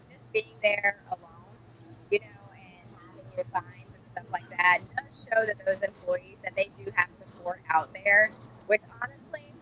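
A woman's voice: medium pitch, sharp tone, a little hiss or hum, low-quality recording. A woman speaking as a strike organizer over a call that keeps cutting out with a robotic, glitchy sound. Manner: earnest, lots of um fillers. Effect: glitchy robotic call audio that cuts out. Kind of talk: casual livestream call.

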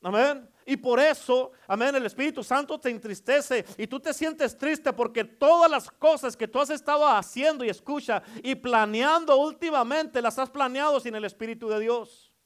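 A man's voice: very high voice, normal speed, few pauses. A man preaching a storytelling sermon, talking straight to the congregation and saying "amén" often. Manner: addresses the congregation directly, frequent "amén".

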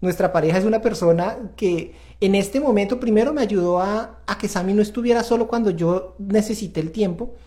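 A man's voice: high voice, a little fast, hardly any pauses, mellow. Man, parenting host, earnest, confessional, addresses viewers directly. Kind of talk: reflective faith-based parenting talk.

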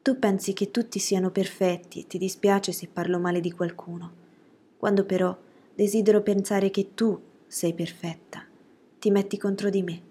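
A woman voicing a frank, sharp-witted young woman, speaking low, hushed and breathy with pointed judgements. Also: level tone, moderate pace, lightly acted. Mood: indignant.

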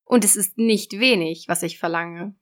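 A woman voicing a cruel, scheming old sea witch in a storybook reading, loud and sneering. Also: mid-range voice, normal speed, natural voice. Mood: menacing, sneering.

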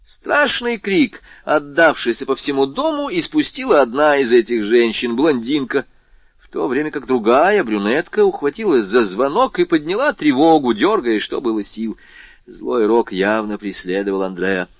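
A man narrating an audiobook with dramatic, expressive storytelling. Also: medium pitch, normal speed, dry recording. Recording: dull lo-fi recording.

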